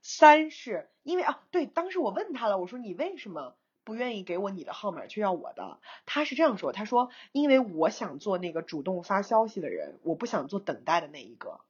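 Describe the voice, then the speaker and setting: A young woman co-hosting a casual talk show, telling a personal story in an animated way, laughing often and mixing in English words. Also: medium pitch, a little fast, few pauses, husky, dull audio. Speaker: co-host, screenwriter.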